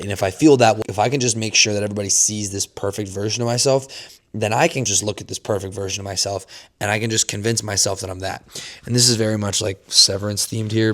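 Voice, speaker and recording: A young man vlogging about emotional growth, talking fast and earnestly in rambling, repeated phrases, caffeinated and fasting. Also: lowish voice, fairly bright tone. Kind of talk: unscripted talk to camera.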